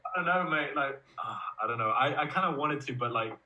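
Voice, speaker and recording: A man's voice: mid-range voice, lively intonation, a little fast, bright, forceful tone, highs cut off. A teenage boy co-hosting a casual chat, joking and slangy. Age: late teens. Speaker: co-host. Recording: roomy, distant sound.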